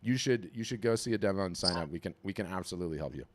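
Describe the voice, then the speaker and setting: A man hosting an online webinar, coaching artists in a casual, energetic way and often repeating words as he starts a thought. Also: low voice, very fast, slight background noise. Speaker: webinar host.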